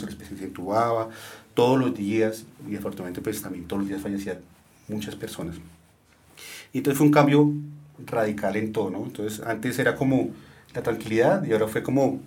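Man calmly explaining as a doctor. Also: fairly low pitch, fast talker. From Colombia. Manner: explains plainly, steady, with many fillers. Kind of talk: conversational interview answers.

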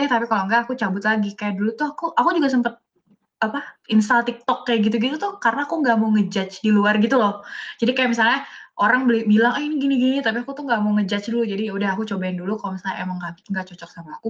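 A woman's voice: fairly high pitch, fast, dull audio. An Indonesian woman, a podcast guest, telling her story in a casual, rambling way, full of filler words. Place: living in Germany.

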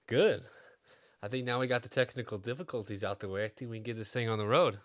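A man hosting a podcast in a casual, reflective chat, speaking in a halting, introspective way. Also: medium pitch, a bit bright. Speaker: podcast host.

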